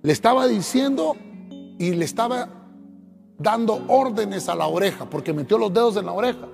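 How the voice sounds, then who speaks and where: A man's voice: sits high, expressive, moderate pace, gravelly, long reverb tail, music in the background. A man, a pastor from Honduras, preaching a sermon, swelling and dropping his voice and calling his listeners brother.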